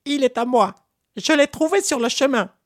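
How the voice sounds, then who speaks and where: A man voicing a sly, lying male monkey in a storybook, with a shrill, squeaky voice. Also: expressive, moderate pace, fairly bright tone, no room sound, studio quality. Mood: smug.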